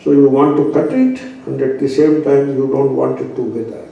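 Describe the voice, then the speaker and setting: A man's voice: medium pitch, level tone, normal speed, vocal fry, muffled recording. A man with an Indian accent, a spiritual teacher giving a philosophy class in an emphatic, didactic way, repeating phrases and asking rhetorical questions. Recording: very echoey room, distant mic.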